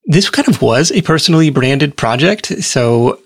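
A man speaking as a guest in a casual interview, telling his story in a relaxed, rambling way with plenty of fillers. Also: on the high side, normal speed, slightly rough, no echo, studio quality.

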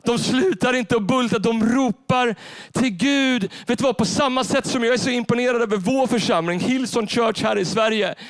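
A man preaching a sermon from a church stage, animated and repeating his key phrases straight to the congregation. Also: very high-pitched, no room sound. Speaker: pastor.

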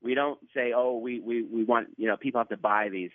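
A man with a Brooklyn accent talks as a guest in a radio interview. He is emphatic, often restating a phrase to drive it home. His pitch is average, and the sound is close and dry but slightly dull. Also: brisk, no echo. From Brooklyn, New York, USA.

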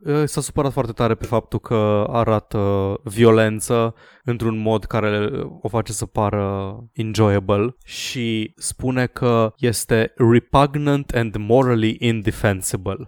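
Dry-humored man, smooth clear voice. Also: on the low side, fairly even intonation, no echo. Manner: dry, teasing, reads out gaming news. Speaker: podcast co-host. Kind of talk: casual podcast chat about gaming.

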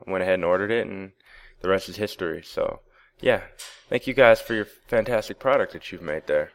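Deep-voiced man co-hosting a podcast. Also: brisk. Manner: relaxed, talkative storytelling. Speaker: podcast co-host. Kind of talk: casual interview chat.

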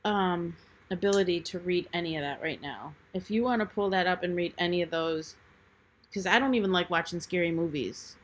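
A woman in casual conversation, asking questions and reflecting in a soft voice. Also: on the low side, fairly quick.

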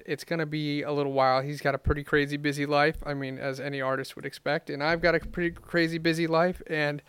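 A man's voice: on the high side, fairly bright tone, clear, resonant tone, no echo. A man hosting his own podcast, chatting loosely with fillers and restarts. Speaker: podcast host. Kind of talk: casual podcast chat.

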